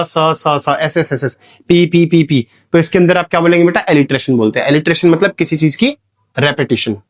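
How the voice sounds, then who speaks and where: This is an exam-prep grammar lesson in English, led by a man whose voice sits high. He reads examples slowly, sounding out their letters, and keeps asking the class questions that he then answers on his own.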